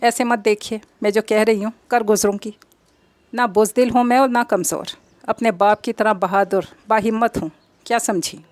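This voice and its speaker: A woman's voice: mid-range voice, fairly even intonation, moderate pace, dry recording, close to an everyday voice. Determined young sister, firm and reassuring, voiced by a woman narrator, dry close mic.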